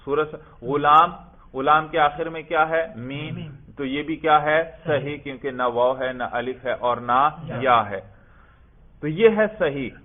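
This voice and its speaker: A man teaching a classroom grammar lesson who asks questions and answers them himself, and recites text in a chanting tone. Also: a little high. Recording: tinny phone-like lecture recording.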